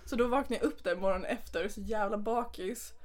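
A young woman co-hosting a casual podcast, telling an animated story and often laughing as she talks. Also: mid-range voice. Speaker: podcast co-host.

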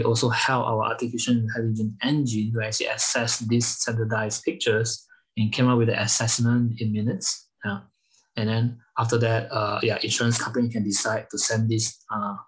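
A man from Malaysia, a startup founder, answering podcast interview questions in halting English with many fillers. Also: medium pitch, husky, poor audio. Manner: halting, many fillers, non-native phrasing. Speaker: guest, startup founder and CEO.

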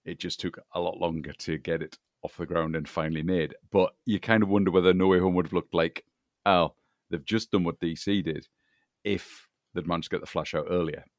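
Male podcast co-host, very low voice, easygoing short replies, dry close mic. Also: fairly even intonation, brisk, no room sound. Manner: agreeable, brief backchannel replies. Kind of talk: casual film chat.

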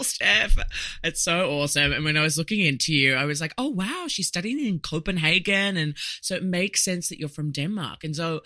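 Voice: medium pitch, pushed and bright, no echo, studio quality. An upbeat podcast host who gushes with enthusiasm and leans on "you know" while asking questions. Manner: gushing, enthusiastic, many "you know" fillers. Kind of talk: upbeat interview hosting.

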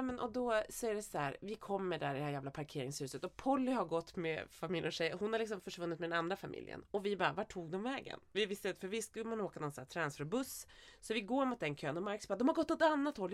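A middle-aged woman chats casually as a podcast co-host and tells animated stories, acting out what people said. Her voice sits at a mid pitch. The mic is close and dry, with no room sound. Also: no room sound. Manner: animated storyteller, acts out quotes. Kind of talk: casual chat.

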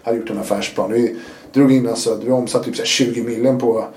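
A man telling his own story in casual conversation, animated and acting out what people said. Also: mid-range voice. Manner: animated, acts out quotes. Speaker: guest. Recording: roomy echo.

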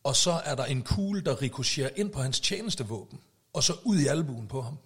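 A man telling a story in casual podcast chat, acting out shouted quotes. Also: medium pitch, husky. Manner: animated, acts out shouted quotes.

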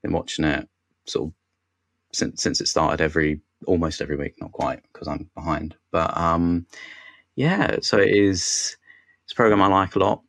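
A man's voice: sits low, moderate pace, vocal fry, a bit bright, no echo, clean studio sound. A man chatting as a TV critic guest on a podcast, enthusiastic and wry, often restarting his sentences. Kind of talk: casual podcast chat.

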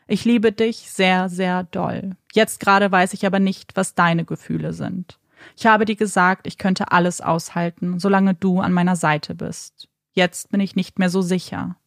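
A woman's voice: mid-range voice, vocal fry, no room sound, clean studio sound. A woman narrating a true crime case in a scripted, dramatic storytelling manner.

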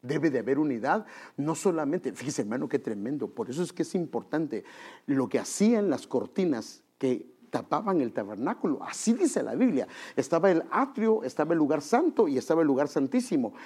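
Husky, animated preacher. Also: male voice, brisk. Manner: animated, acts out quotes in high voices; conversational, addresses listeners as brother. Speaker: pastor. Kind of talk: preaching a sermon.

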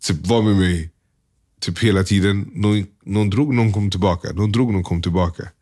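A young man speaks in a fairly low voice, quietly and haltingly. He retells his story in loose everyday slang and acts out what people said. He is a guest being interviewed. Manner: subdued, halting, slangy retelling with quoted dialogue. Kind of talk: candid personal storytelling.

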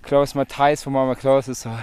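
A man chats cheerfully about his ride. His voice is smooth and resonant, at a middle pitch, and he laughs often. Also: little pitch movement, moderate pace, darkish tone. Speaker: race rider. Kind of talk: casual chat.

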